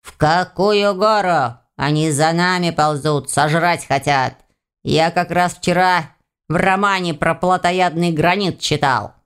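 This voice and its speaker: A woman's voice: on the low side, measured pace, clean tone, natural voice. A woman voicing a frightened, wailing young male gnome. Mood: scared.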